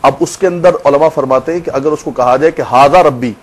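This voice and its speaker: A man, a religious scholar, explaining points of faith in a measured, explanatory way and quoting Arabic. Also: a little high.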